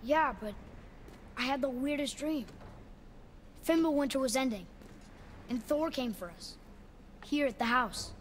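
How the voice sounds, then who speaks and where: A man's voice: very high voice, a little slow, pauses often, a little hiss or hum. An actor playing an earnest, troubled young boy, a warrior's son, in a dramatic video game. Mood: uneasy.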